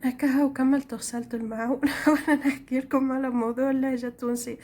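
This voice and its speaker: A Tunisian woman who runs a home cooking vlog chats casually with her viewers while cooking in her kitchen, rambling from one story to the next. Her voice is high-pitched and a little mellow, and she talks fast with a flat delivery.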